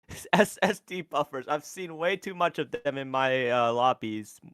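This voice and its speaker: A man casting an online racing tournament, getting loud and excited during the race calls. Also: mid-range voice, a little hiss or hum. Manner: excitable, rises to loud fast calls at the finish. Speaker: tournament caster. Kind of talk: esports race commentary.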